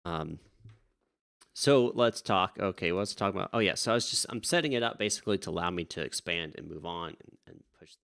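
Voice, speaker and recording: A chatty, easily distracted man plays virtual air traffic controller on a live stream, wandering off mid-thought, then making polite radio calls to pilots. His deep voice is animated, brisk, creaky, and a bit bright.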